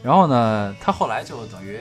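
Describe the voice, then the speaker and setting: Lively young man chatting. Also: medium pitch, a little fast. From mainland China. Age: young adult. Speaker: podcast co-host. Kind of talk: casual film chat. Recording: guitar music behind the talk. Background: guitar music.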